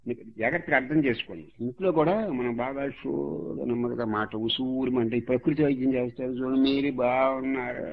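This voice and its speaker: A man's voice: fairly high pitch, phone-quality sound. A man giving a religious discourse as a spiritual teacher, moralizing and repeating each point to drive it home.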